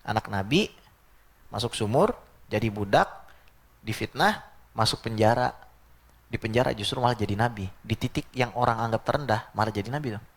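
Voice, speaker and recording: This man's lowish voice moves at a moderate pace and pauses often as he gives a conversational mosque lecture. He frequently quotes Arabic verses and acts out the voices of others.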